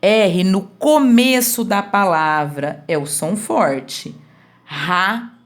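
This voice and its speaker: A woman teacher giving a remote school lesson, explaining slowly step by step and often checking that her students follow. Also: medium pitch, lively intonation. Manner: slow, explains step by step with frequent checks for understanding.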